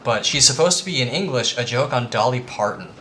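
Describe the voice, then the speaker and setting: A man's voice: mid-range voice, animated, a little fast, a little hiss or hum. A man giving a casual, rambling presentation to friends, with lots of ums. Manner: rambling with frequent ums, quietly earnest.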